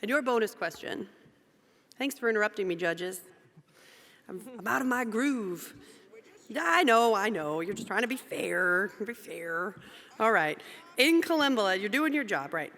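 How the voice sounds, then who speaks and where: Bright woman reading quiz questions. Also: mid-range voice, lively intonation, moderate pace. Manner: playful, self-joking between questions. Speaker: quiz moderator. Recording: long hall reverb.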